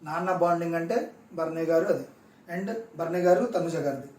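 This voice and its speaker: A man's voice: on the high side, moderate pace, darkish tone, recorded from a distance. A man reviewing a reality show in casual recap commentary, emphatic and repeating his points for stress. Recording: echoey room, voice off-mic.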